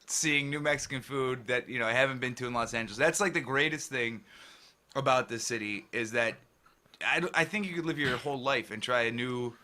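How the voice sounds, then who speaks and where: A middle-aged man with a Cleveland accent chats loosely on a podcast, swearing and laughing often. His voice is bright and forward. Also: medium pitch, brisk. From Cleveland, Ohio. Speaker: podcast co-host. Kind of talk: casual chat.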